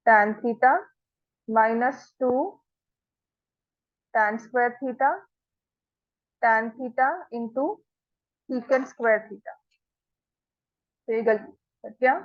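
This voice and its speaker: High-voiced Indian woman teaching maths. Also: level tone, no echo, highs cut off. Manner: dictates steps slowly, mixes Hindi and English. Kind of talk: classroom maths lesson. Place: classroom.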